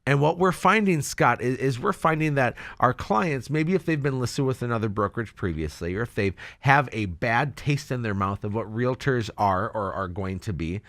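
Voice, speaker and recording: A man's voice: mid-range voice, expressive, moderate pace, few pauses, fairly bright tone, no echo. A man hosting a radio talk show, upbeat and salesy, with a slightly nasal voice, speaking from a studio. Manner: upbeat, salesy, stumbles over words. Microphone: studio mic.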